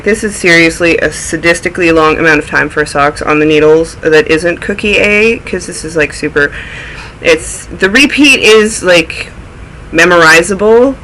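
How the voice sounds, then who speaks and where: Here a high-pitched, bright man talks with a forceful edge while stuffed up from a cold. He hosts a laid-back knitting video podcast, wandering off on tangents as he shows and tells about his projects. Poor audio carries a little hiss or hum.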